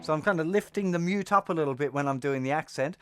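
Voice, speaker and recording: A man giving a guitar lesson, explaining in a relaxed way and counting beats aloud. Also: on the high side, quick pace. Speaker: guitar teacher. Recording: loud guitar under the voice. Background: loud guitar playing.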